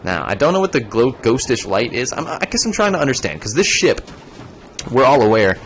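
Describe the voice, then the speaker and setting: Brisk and sing-song, this young streamer talks in a medium pitch with a fairly bright tone over a little hiss or hum. His gaming commentary is casual: he rambles, jokes and breaks into silly voices while playing.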